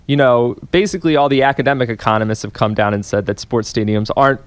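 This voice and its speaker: Young male radio guest, mid-pitched, eager explainer, dry close mic. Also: fairly even intonation, fast talker, smooth, dry recording. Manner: earnest, explains at length with frequent restarts. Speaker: policy analyst guest. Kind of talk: radio interview. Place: radio studio. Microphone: studio microphone on a boom arm.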